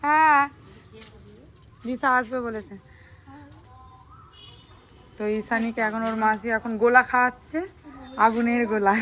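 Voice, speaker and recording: A young woman vlogs into her phone in a high, bright voice, chatting and laughing with her family as she talks to viewers. There is a faint hiss of background noise behind her. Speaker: vlogger and mother. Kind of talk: casual vlog narration to viewers. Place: home and a relative's house, indoors.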